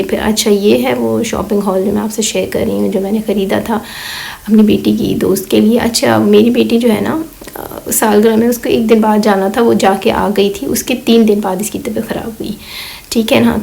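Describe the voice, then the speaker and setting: A woman in her thirties from Pakistan, talking slowly through a casual vlog voice-over while hoarse and weak from illness, with many fillers. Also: medium pitch, dark tone, rough recording. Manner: slow, rambling, many fillers. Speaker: vlogger.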